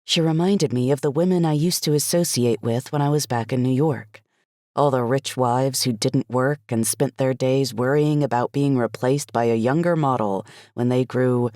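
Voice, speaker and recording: A woman reading a first-person cozy mystery audiobook as an expressive, light storytelling narrator. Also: a bass voice, no echo, clean studio sound.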